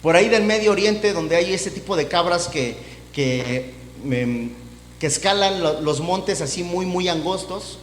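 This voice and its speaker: A pastor with a high voice preaches in a loose, conversational way, restarting phrases and slipping into other people's voices to make his point. The sound comes from a roomy hall with a long reverb and a faint hum underneath. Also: lively intonation, a little slow. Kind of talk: sermon. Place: church.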